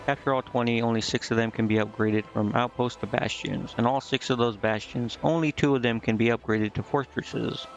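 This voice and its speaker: Speaking a little fast with hardly any pauses, a man with a medium-pitched, fairly even voice streams a game. He chats casually, reads aloud, and often mutters to himself. The stream audio is muffled and lo-fi, with game music underneath.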